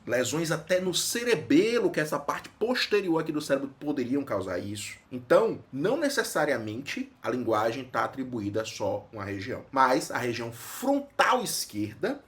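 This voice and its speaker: Lively Brazilian neurologist man explaining. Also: medium pitch. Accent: Brazilian Portuguese. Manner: didactic, asks and answers his own questions. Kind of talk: educational explainer.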